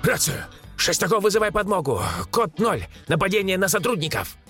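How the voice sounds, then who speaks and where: A man voicing a gruff male police senior lieutenant who swears and barks orders in a panic. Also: high voice, animated, brisk, fairly bright tone, soft background music, voice pushed up. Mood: shouting orders.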